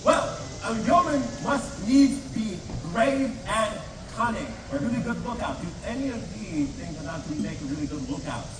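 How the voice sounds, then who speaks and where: An earnest, pompous royal guardsman, acted by a man, declaims in mock-biblical archaic English on a Renaissance fair stage. The voice is distant and echoey, with clear outdoor noise around it. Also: high-pitched, lively intonation, normal speed, hardly any pauses. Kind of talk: live comic stage performance at Renaissance fair. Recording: distant, echoey, noisy outdoor fairground recording.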